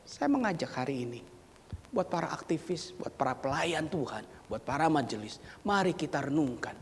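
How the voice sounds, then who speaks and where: A man's voice: fairly high pitch, very animated, moderate pace, slight background noise. Dramatic male preacher in an echoing church. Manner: dramatic, swings from loud exclamations to whispers. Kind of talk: sermon. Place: church sanctuary. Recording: reverberant church hall.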